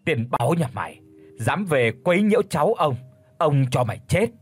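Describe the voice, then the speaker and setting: A man voicing a young man who fakes his grandfather's ghost with a deep, booming, domineering voice. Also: big pitch swings, moderate pace, no room sound. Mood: commanding. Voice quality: deep booming, sometimes a feeble rasp. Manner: domineering, scolding.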